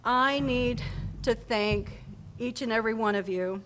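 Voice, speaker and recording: A woman's voice: fairly high pitch, a little slow, fairly bright tone, slight background noise. A woman giving an emotional acceptance speech at a podium mic, tearful but joking with the audience. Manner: emotional, teary, jokes with the audience. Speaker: hall of fame inductee. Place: large banquet hall. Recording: reverberant hall, faint ambience.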